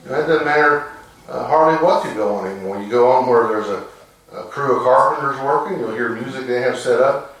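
A man's voice: medium pitch, a little fast, fairly bright tone. A man preaching an informal sermon in a folksy, rambling way, his voice echoing back through the sound system. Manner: folksy and rambling, with many restarts. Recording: echoey room, mic at a distance.

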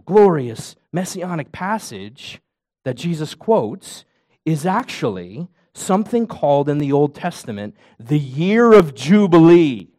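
A man's voice: high voice, darkish tone. A man preaching a sermon, emphatic, asking his listeners questions and joking lightly. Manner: emphatic, asks the audience questions, jokes lightly. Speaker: pastor.

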